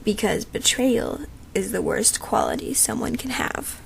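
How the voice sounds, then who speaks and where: Gravelly rambling woman. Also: medium pitch, animated, unhurried, slight background noise. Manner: rambling, full of fillers. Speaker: show creator holding voice auditions. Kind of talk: casual casting call.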